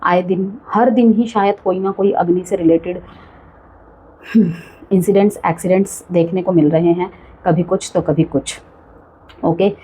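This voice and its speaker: A tarot reader talks through a monthly horoscope in a warm, mellow, slightly husky woman's voice. She sits a little low in pitch. Her delivery is chatty and cautionary, and she keeps checking in with her viewers. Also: poor audio. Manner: chatty, cautionary, repeats "ठीक है" often.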